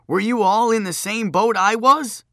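A man's voice: sits high, normal speed, fairly bright tone, dry recording, clean studio sound, pitched above the performer's own voice. A man voicing an earnest, preachy young male disciple who speaks eagerly.

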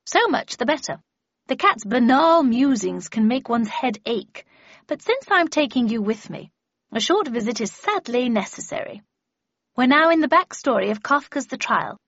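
Brief: an imperious elderly woman, crisp and scornful, put on by a woman narrator. Husky edge, dry, lo-fi sound. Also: on the high side, expressive, normal speed, fairly bright tone, no echo, voice pushed up. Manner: clipped, scornful, commanding. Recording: dull, dry lo-fi recording.

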